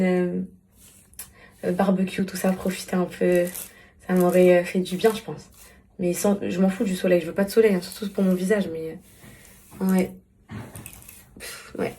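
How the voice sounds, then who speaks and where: A woman's voice: mid-range voice, darkish tone. Tired rambling young woman vlogger. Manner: tired, rambling, many fillers and restarts. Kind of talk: casual vlog chat to followers.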